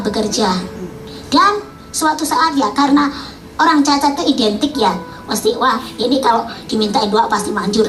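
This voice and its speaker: A woman from East Java gives a personal testimony in a casual, halting way, often searching for words and correcting herself. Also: sits high, fairly bright tone. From East Java, Indonesia. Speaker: testimony speaker. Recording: echoey room, distant mic, faint noise.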